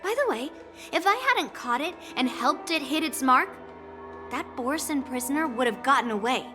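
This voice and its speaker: In a game cutscene, a woman voices a cocky, bold young swordswoman who teases, laughs often and sounds smug. Her high-pitched voice has lively intonation at a normal speed, with music playing behind her.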